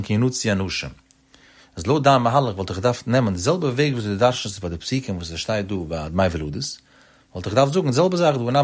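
A man giving a Talmud study lecture in a sing-song study cadence, often rising in pitch at the ends of his phrases. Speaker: Talmud teacher.

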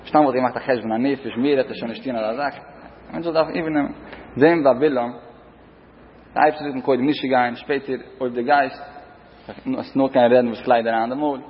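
A man giving a sermon as a religious teacher, telling parables in short, repeated phrases that rise and drop in loudness. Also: medium pitch, steady tone, brisk. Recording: dull sound in a reverberant hall, faint noise.

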